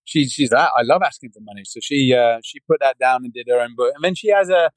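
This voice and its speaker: In a casual interview, a fast-talking podcast guest from the UK, a man in his forties with a mid-range voice, rambles, restarts constantly and keeps saying "yeah" and "you know." The recording is low quality, without echo.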